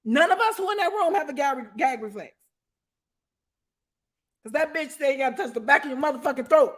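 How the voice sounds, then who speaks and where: High-voiced woman telling a wild story. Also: a little fast. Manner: profane, animated, frequent laughter; keeps asking "you know what I'm saying". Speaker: guest storyteller. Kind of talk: casual storytelling.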